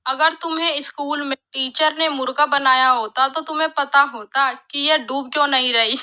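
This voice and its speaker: A woman's voice: high-pitched, steady tone, moderate pace, pushed and bright. A woman voicing an older village headman, a father-in-law who teases and scolds his new daughter-in-law. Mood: teasing. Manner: teasing, scolding.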